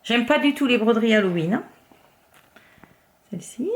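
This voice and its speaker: A woman vlogger in casual show-and-tell chat, talking her way through her crafts with many fillers and the odd soft murmur. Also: fairly high pitch, expressive, normal speed. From France. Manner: chatty, filler-heavy, often drops to a soft murmur.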